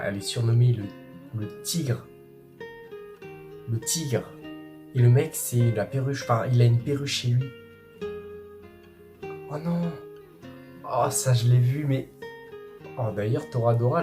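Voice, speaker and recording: A man with a warm, mellow voice gives relaxed quiz commentary, full of fillers and little bursts of self-praise. Soft guitar music plays faintly behind him. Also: mid-range voice. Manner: chatty, self-congratulating, many fillers. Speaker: YouTuber playing a manga quiz.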